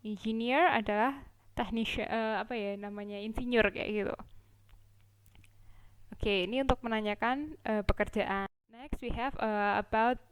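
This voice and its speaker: A woman teaching English phrases. She reads each example slowly and a little higher, then explains it in a relaxed, chatty way. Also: smooth, no echo. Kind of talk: explaining English expressions in Indonesian.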